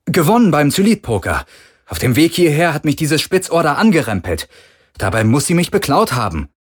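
A man voicing a sly young female thief with a soft, melodic voice and feigned innocence. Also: on the high side, big pitch swings, fairly quick, pitched above the performer's own voice. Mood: sly, haughty.

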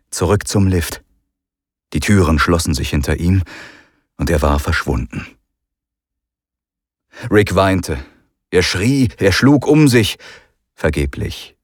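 A man narrating an audiobook in an expressive, dramatic way. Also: low voice, no room sound, clean studio sound.

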